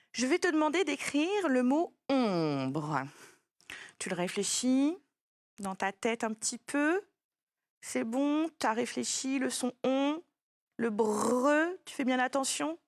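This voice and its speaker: Slow, lively-voiced woman teaching spelling. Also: sits high, no echo. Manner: patient, slow, spells words out letter by letter. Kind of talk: spelling lesson for a child.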